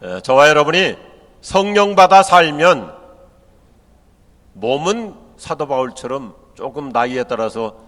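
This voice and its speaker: Older Chungcheong pastor joking from the pulpit. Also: male voice, a little high, a little slow. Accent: Chungcheong Korean. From Chungcheong, Korea. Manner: joking storyteller, acts out dialect and quotes in lively voices. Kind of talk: humorous sermon at a pastors' seminar. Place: large church hall. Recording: long hall reverb.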